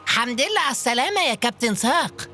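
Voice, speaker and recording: A woman's voice: a little high, big pitch swings, quick pace, music in the background. A woman voicing Safrout, a bossy, eager sidekick in a children's audio drama. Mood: fussing. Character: fussy helpful sidekick Safrout.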